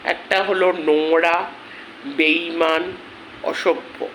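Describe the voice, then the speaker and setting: A man with a headache, talking slowly and quietly in an angry protest vlog on his channel. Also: a little high, level tone, slight background noise, rough recording. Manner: speaks slowly and quietly, rising in anger. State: has a headache. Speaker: vlogger.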